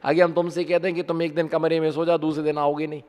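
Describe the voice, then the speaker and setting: A man's voice: on the high side, little pitch movement, quick pace, a little mellow, clean tone. A man, a Jain monk, giving a conversational sermon full of rhetorical questions to his listeners. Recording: long hall reverb.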